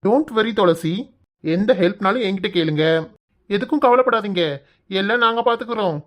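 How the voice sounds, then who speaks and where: A woman's voice: mid-range voice, normal speed, lightly acted. A woman voicing a young male office boss in a cartoon, kind, coaxing and reassuring. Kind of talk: cartoon voice acting.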